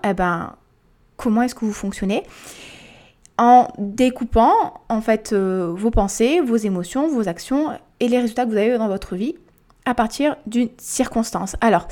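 A young woman talks through her solo podcast in a casual, explanatory way. She repeats words and fills pauses as she goes. Her voice sits a little high. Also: darkish tone. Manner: chatty, explanatory, with fillers and repetitions. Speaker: podcast host and life coach.

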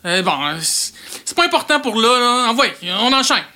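A woman's voice: on the high side, animated, normal speed, sharp tone. A woman voicing an exasperated male amateur theatre director with a Quebec French accent, who keeps correcting his actors.

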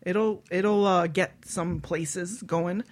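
On a radio show, a woman host chats in a bawdy, casual panel style, frank and teasing. Her voice sits on the low side, with a steady tone and slow pace.

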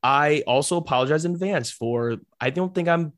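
A man's voice: on the high side, normal speed, a bit bright. A man co-hosting a podcast, talking casually and agreeably, with the odd laugh. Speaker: podcast co-host.

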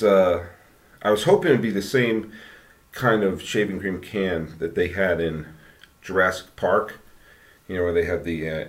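Casting: male podcast host, low voice, loose off-the-cuff delivery that stops and restarts, strong bathroom echo. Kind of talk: casual rambling monologue. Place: home bathroom, indoors. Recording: echoey bathroom reverb.

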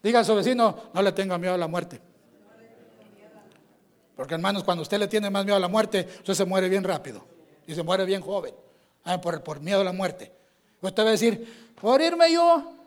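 A man's voice: sits high, fairly quick. A male pastor preaching a fervent sermon, constantly calling out amen and addressing the brothers. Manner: fervent, sprinkles amén and hermanos constantly.

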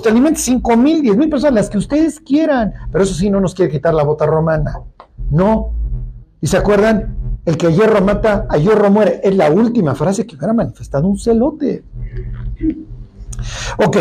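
A man's voice: high-pitched, warm tone, husky. A man with a Mexican accent teaching a Bible study in a colloquial, joking way, full of asides. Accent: Mexican Spanish.

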